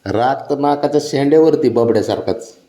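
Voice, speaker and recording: A man's voice: mid-range voice, a little fast, mellow, reverberant. A man chatting casually to his pet cat, coaxing and teasing it in a playful baby-talk way. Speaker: pet owner vlogger.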